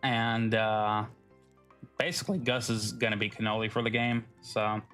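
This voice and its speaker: A man's voice: on the low side, steady tone, moderate pace, fairly bright tone, soft background music. A man streaming a video game, chatting casually with loose, joking, profane asides. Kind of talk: casual gameplay commentary.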